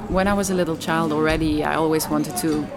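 A Dutch-accented woman from the Netherlands, a yoga teacher, answers casually as an interview guest. Her deep voice is steady and fast, with crowd chatter in the background.

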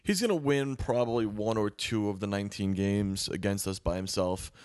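A man co-hosting a casual podcast, answering in a calm, measured way. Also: fairly low pitch, no room sound. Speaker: podcast co-host. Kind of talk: casual chat.

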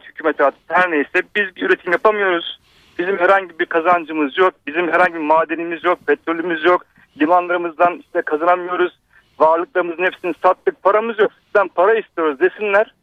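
A man's voice: sits high, dry recording. A male doctor calling in to a radio show over a telephone line, complaining about taxes in an aggrieved way with hesitant fillers. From Bursa, Turkey. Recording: muffled phone line, dry.

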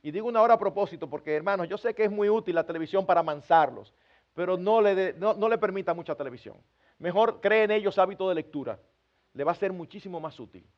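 In an earnest sermon, a pastor brings everyday family life to his congregation, humorously playing parents scolding children. He speaks at a quick pace in a high-pitched voice, and the sound is lo-fi.

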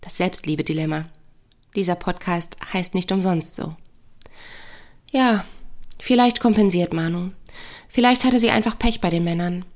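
A woman who works as a counselor and couple therapist, talking calmly and reflectively in a podcast monologue. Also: lowish voice. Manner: calm, measured, reflective.

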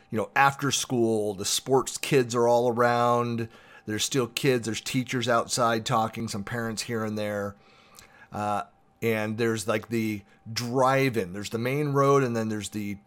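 A middle-aged man hosting a podcast, telling a personal story in an animated, conversational way with casual fillers and the odd chuckle. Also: fairly low pitch. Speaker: podcast host.

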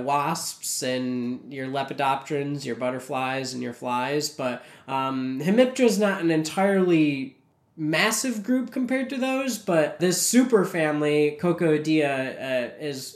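A man with a gravelly voice, getting over a cold, talking casually and informatively as a podcast co-host. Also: a little high. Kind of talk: casual educational podcast talk. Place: cold whitewashed makeshift studio room. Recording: hollow, echoey bare room.

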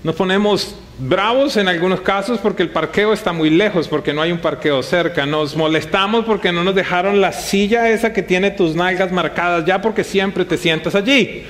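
A pastor delivers a sermon in a raised, fairly high male voice. He keeps it conversational, leaning on rhetorical questions aimed at his congregation. The delivery sounds like live preaching in front of a gathered church. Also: normal speed, few pauses, a bit bright.

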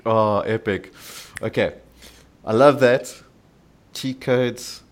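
A man's voice: medium pitch, fairly even intonation, takes it slowly. A man hosting a casual podcast interview, playful and laughing often as he asks questions. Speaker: podcast host.

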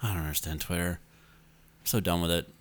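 A man's voice: sits low, steady tone, quick pace. A young man co-hosting a casual podcast chat, rambling and self-mocking, laughing often. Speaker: podcast co-host.

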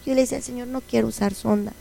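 A woman's voice: fairly high pitch, fairly even intonation, rapid-fire, vocal fry, mellow, rough recording. A woman giving a religious testimony to a congregation, telling her story earnestly and acting out the conversations in it. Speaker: church testimony speaker.

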